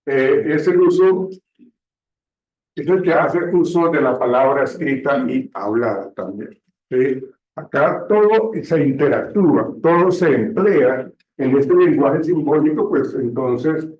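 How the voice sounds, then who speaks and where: A man teaching a classroom lecture, often pausing to check understanding, recorded from a distance in a classroom. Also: on the high side, animated, darkish tone. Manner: slow, checks understanding with frequent "¿sí?". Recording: echoey room, distant mic, dull sound.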